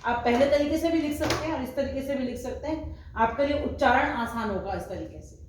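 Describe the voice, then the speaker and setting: Woman slowly drilling hindi syllables like a teacher, kinda high voice, super echoey room w/ faint hum. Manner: drills syllables one by one, patient teacherly explaining. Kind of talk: slow recited alphabet lesson.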